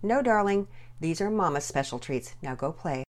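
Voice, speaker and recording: A woman voicing a cheerful, sweet-toothed mother in a storybook reading, bright and coaxing. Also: low-pitched, animated, moderate pace.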